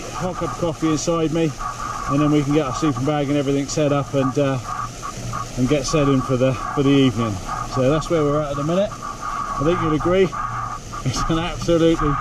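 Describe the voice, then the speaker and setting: A man's voice: fairly high pitch, fairly even intonation, moderate pace. Man vlogging through roaring wind and rain. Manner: talking amid rain and wind. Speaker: outdoor vlogger. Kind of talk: casual vlog narration to camera. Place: outdoors on a mountain in winter weather and inside a tent. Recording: loud wind noise buffeting the mic. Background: loud wind and rain.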